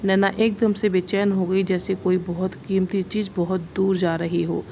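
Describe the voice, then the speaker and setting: A woman reads a story aloud in a plain, steady way, with small slips. Her voice is mellow and darkish, with a faint hiss of noise behind it. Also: mid-range voice, normal speed. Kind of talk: read-aloud story narration.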